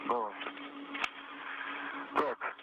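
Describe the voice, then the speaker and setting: A man on a spacewalk calling out checklist steps over a crackly space-to-ground radio transmission. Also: extremely slow. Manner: terse checklist callouts. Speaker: cosmonaut on a spacewalk. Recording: muffled radio link with loud hiss.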